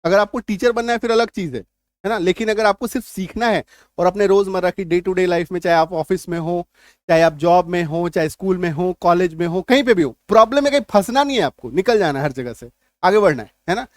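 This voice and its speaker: An Indian man teaching English phonics in Hindi, encouraging learners, sounding out words slowly and asking if they follow. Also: sits high, no echo, clean studio sound. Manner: encouraging, repeats words slowly and asks checking questions.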